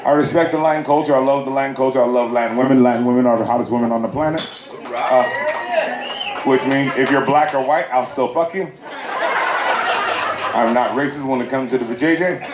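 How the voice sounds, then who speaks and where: A man's voice: medium pitch, fairly quick, long pauses. A man from Southern California performing a stand-up comedy set at a private party, telling loose stories with playful asides to the audience. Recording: echoey bootleg with loud crowd and noise.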